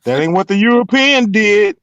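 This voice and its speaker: A man's voice: sits high, expressive, normal speed, fairly bright tone, clear, resonant tone. A man in a casual discussion who presses his point with repeated, pointed questions. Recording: dull lo-fi sound.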